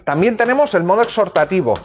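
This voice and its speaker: Talking fast and animated in a high-sitting voice, with background noise present, a male law lecturer runs a university class. He uses everyday examples to explain ideas and checks in with students; the classroom recording is dull and lo-fi.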